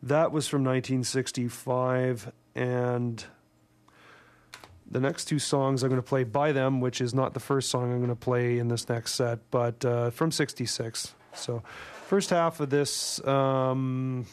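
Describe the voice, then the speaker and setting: Gravelly-voiced man hosting radio. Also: mid-range voice, little pitch movement, measured pace, a little mellow. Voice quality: gravelly, raspy from a cold. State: getting over a cold. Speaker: radio host. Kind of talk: casual music show presenting. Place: radio studio.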